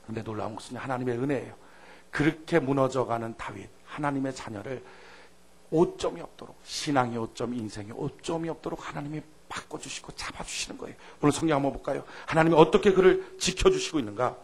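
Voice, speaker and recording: A man preaching a sermon as a pastor, dramatic, swinging from loud outbursts to hushed asides and leading the congregation in call-and-response. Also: medium pitch, fast, breathy edge.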